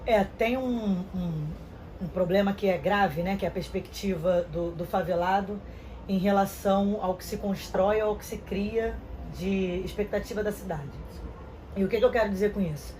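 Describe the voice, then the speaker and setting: A woman, giving earnest, measured interview answers with some hesitant restarts. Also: medium pitch, darkish tone, a little hiss or hum, low-quality recording. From Rio de Janeiro, Brazil. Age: 30s. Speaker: interview guest.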